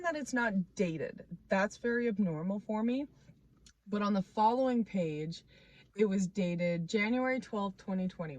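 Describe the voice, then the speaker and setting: A woman in her twenties chatting casually to the camera at home, rambling and restarting her thoughts with many fillers, playful and self-mocking. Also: mid-range voice. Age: 20s. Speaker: vlogger.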